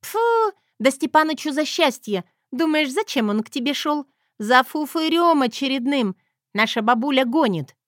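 A woman voicing a brash, mocking young granddaughter in an audiobook, with a shrill taunting delivery. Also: moderate pace, a bit bright, dry recording, clean studio sound.

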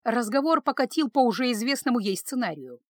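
A woman's voice: fairly high pitch, brisk, no echo, studio quality. Dramatic woman storyteller. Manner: expressive, dramatic reading. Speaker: narrator. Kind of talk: storybook narration.

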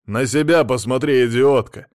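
A man's voice: medium pitch, moderate pace, no echo, studio quality, lightly acted. A man voicing a blunt, hot-tempered middle-aged businessman husband. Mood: gruff. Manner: blunt, gruff, loud.

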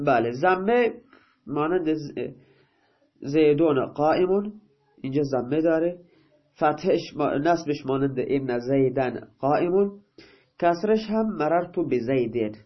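A man's voice: on the high side, animated, pauses often. A male teacher giving a grammar lesson, reading a line of text and then explaining it in plain, everyday talk. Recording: dull, lo-fi recording.

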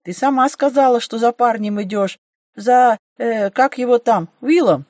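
A woman's voice: fairly high pitch, measured pace, a little mellow, no echo, clean studio sound, pitched above the performer's own voice, close to an everyday voice. A woman voicing a grumpy, fussy old hunchbacked gatekeeper in an audiobook, scolding in a bureaucratic way. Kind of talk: audiobook reading.

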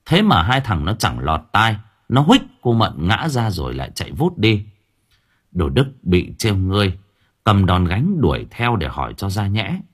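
A man narrating an audiobook story in an expressive storytelling manner. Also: on the low side, normal speed, husky. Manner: expressive, swinging voice for drama.

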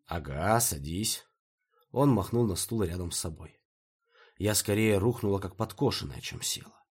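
A man narrating a first-person story as an audiobook reader, with expressive storytelling. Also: on the low side, normal speed, breathy edge.

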